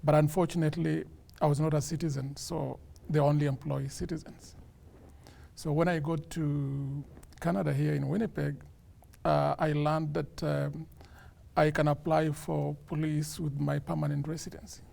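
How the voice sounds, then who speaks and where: A man from Kenya, a police sergeant, speaking in a measured way with many pauses and fillers in an interview. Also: on the high side, little pitch movement, gravelly, dark tone. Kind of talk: casual interview talk.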